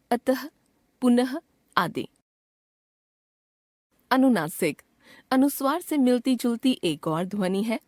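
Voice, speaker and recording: A woman's voice: mid-range voice, darkish tone, no room sound. A woman reading out a scripted grammar lesson as a teacher, carefully drawing out each sound she names. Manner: slow, careful, drawn-out enunciation of sounds.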